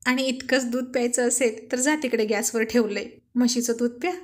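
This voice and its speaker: A woman voicing a shy young mother who laughs and gently scolds her husband in a storybook reading. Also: fairly high pitch, fairly even intonation, brisk, close to an everyday voice. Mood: playful.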